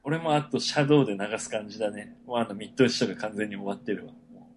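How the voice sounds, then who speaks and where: A man co-hosting a podcast, chatting casually and teasing his partner with drawn-out phrasing. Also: on the low side, a little hiss or hum. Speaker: podcast co-host. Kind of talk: casual chat.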